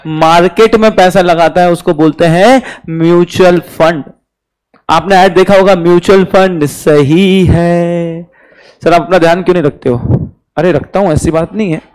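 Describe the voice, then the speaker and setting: Speaking in a steady, unhurried way, this Indian-accented man in his thirties gives a casual live online commerce exam lecture, teasing and chatting in a mix of Hindi and English. His high voice is a little mellow with a clean tone despite a rough recording, and he has a mild fever and a recovering throat.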